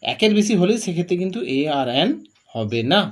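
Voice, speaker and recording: A man teaching a lesson, his voice sitting high and swinging widely as he goes. He poses a question, then answers it himself, stepping through example after example in a classroom style. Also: sing-song, brisk. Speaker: English grammar teacher.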